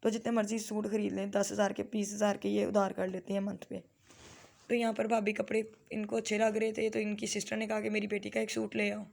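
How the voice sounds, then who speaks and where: Flat, gravelly Lahori woman vlogging. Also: medium pitch, a little fast. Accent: Lahori Punjabi. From Lahore, Pakistan. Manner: chatty, slips into Punjabi phrases. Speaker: family vlogger and mother. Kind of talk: casual vlog voice-over narration.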